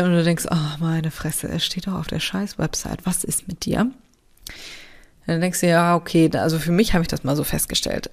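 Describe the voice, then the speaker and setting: A solo podcast host with a German accent chats casually and bluntly in a lowish, nasal, stuffy-nosed voice.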